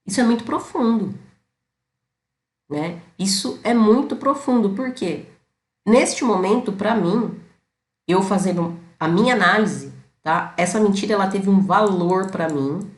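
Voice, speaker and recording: A woman's voice: fairly low pitch, echoey room. A Brazilian woman hosting her channel, telling a story in casual talk to her viewers and often checking in with them. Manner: chatty storytelling, constant tag questions to the audience. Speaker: self-knowledge channel host.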